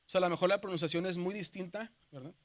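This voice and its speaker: In this classroom lecture, a man from Mexico speaks fast in a high, steady, slightly bright voice with a Mexican Spanish accent. Teaching seminary students, whom he addresses as "hermanos," he walks through each point in order and often asks "¿verdad?"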